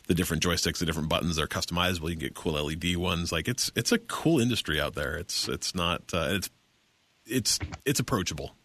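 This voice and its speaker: A man's voice: sits low, fast, a bit bright, no echo. A man in his thirties hosting a casual podcast chat, rambling with many restarts and getting enthusiastic. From Seattle area, USA. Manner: rambling, self-correcting, enthusiastic. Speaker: podcast host.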